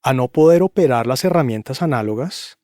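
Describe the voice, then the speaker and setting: A man's voice: medium pitch, animated, a little fast, a little mellow, dry recording. A man guesting on a podcast interview, talking emphatically and with strong opinions. He keeps pressing his point with rhetorical questions in a middling voice. The sound is close and dry. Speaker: guest, audio engineer.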